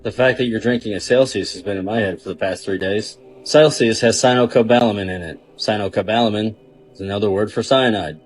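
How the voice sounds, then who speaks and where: A man with a husky, somewhat low voice explains things in a social media monologue. He is blunt and declarative, over soft music. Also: a little fast, rough recording.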